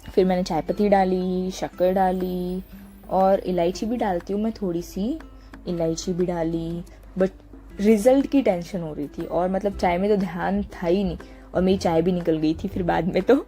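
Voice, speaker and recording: A young woman from India narrating a relaxed voice-over of her day at home, chatty and often pausing to search for a word. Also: lowish voice, faint music behind. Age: young adult. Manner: chatty, searching for words, frequent laughs. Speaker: vlogger. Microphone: small handheld mic.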